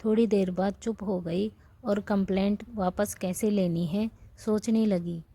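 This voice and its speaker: A woman narrating a family story as a storyteller, reading every part in her own soft, steady voice. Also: medium pitch, no echo.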